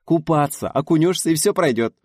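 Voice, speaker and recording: A man voicing a bold, blunt, energetic young woman in an audiobook reading. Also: fairly high pitch, a little fast, dry recording, studio quality, pitched above the performer's own voice. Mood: brash. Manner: snappy, bold, mocking. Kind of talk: audiobook character voice.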